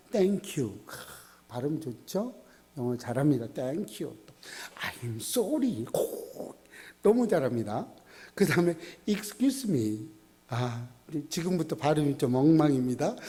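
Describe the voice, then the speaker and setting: A man's voice: a little high, dark tone. A middle-aged man, a pastor, preaching at a Friday prayer meeting in a folksy way with joking asides.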